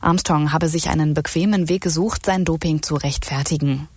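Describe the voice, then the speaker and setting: Dry, slightly low female radio newsreader. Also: fairly even intonation, moderate pace, darkish tone, slightly rough, dry recording. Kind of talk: scripted news bulletin.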